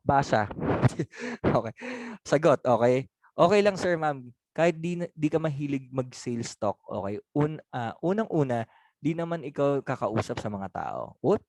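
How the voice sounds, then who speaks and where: A man's voice: mid-range voice, sing-song, measured pace, darkish tone, no room sound. A man giving a casual training talk on answering sales objections, chatty, laughing often, and asking for agreement.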